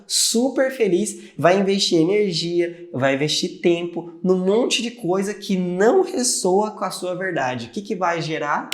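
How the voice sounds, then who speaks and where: A man with a Brazilian Portuguese accent talking straight to the viewer about personal values, earnest and conversational, like a motivational video creator. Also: fairly high pitch. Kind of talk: motivational talk to camera. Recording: roomy echo.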